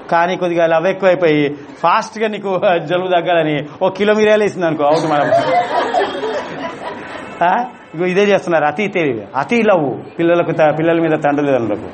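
Male spiritual teacher, high voice, playful and laughing, coaxes his class with constant questions, faint noise behind. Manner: playful, laughing, keeps asking the audience questions.

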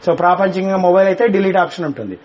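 A man's voice: sits high, lively intonation, racing, highs cut off, a crowd in the background. A man teaching a class on spirituality, talking in a colloquial, teasing way and dropping English words into his speech.

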